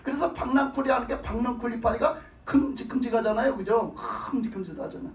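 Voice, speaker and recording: High-voiced animated Korean pastor. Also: male voice, quick pace. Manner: animated storytelling, acts out voices. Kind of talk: sermon. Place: church hall. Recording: echoey church hall from a distance.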